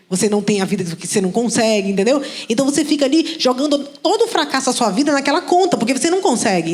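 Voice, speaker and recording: Animated woman pastor storytelling. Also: fairly high pitch. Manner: animated storytelling, acts out dialogue. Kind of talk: conversational sermon.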